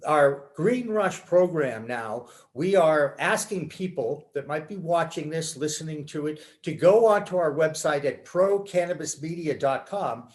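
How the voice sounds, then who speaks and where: A man's voice: fairly high pitch, animated, unhurried, hardly any pauses. A man in his sixties hosting a casual interview over a video call from home, chatty and enthusiastic. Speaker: host. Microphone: video call webcam.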